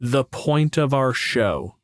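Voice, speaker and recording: A young Canadian man, a podcast co-host and game master, chats casually in a mid-range, expressive voice at a slow pace. He's self-deprecating and sweary, telling stories with quoted asides, and the studio sound is clean with no echo.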